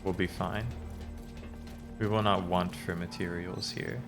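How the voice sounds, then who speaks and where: A man's voice: low-pitched, steady tone, a little slow, vocal fry. A man giving casual, laid-back gameplay commentary, musing aloud as he plays. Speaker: gamer doing a playthrough. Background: game music.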